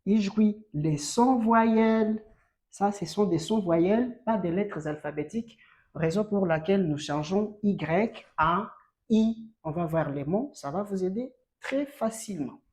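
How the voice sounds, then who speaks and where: A Rwandan woman gives a bilingual French lesson, speaking slowly and emphatically and stressing every letter she spells. Her voice is mid-range and a little mellow.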